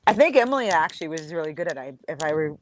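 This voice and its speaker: A woman's voice: sits low, big pitch swings, racing. A woman co-hosting a live postcard show, telling stories in an eager, casual chat with frequent restarts. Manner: enthusiastic, storytelling, restarts often.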